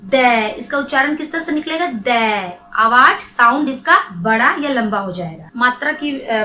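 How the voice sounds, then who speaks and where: A woman teaching a children's grammar lesson, drawing out syllables slowly and answering her own questions. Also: high-pitched, sharp tone, roomy sound, poor audio.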